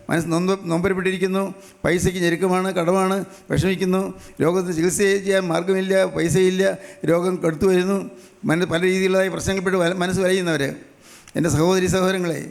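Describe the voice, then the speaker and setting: Older guy preaching hard, high voice, fast, repeats short lines over and over like a chant. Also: creaky. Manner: fervent, rhythmic repetition of short phrases; leads congregation in line-by-line prayer. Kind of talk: evangelistic sermon with altar call.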